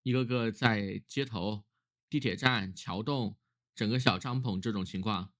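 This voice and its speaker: A man's voice: on the low side, a little slow, fairly bright tone. A man who is ill with a cough, talking casually and reflectively on his own in a weary, musing way, as a solo vlogger.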